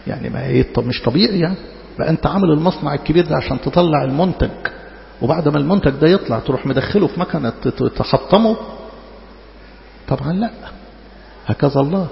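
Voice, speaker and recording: A man's voice: on the high side, creaky. A man with an Egyptian Arabic accent preaches in a colloquial, conversational way, asking rhetorical questions and repeating words for emphasis. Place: large reverberant hall. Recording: muffled, echoey hall with long reverb.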